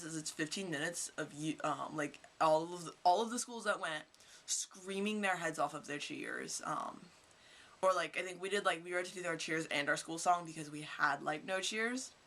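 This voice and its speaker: A teenage high school vlogger from Kentucky rambles through stories to the camera in a casual, chatty way. Her mid-range voice has a sharp tone.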